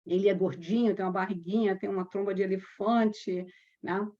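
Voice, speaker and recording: A woman from Brazil, a yoga teacher, telling a personal story with quoted dialogue and slow chanted mantras. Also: medium pitch, steady tone, mellow. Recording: dull lo-fi sound.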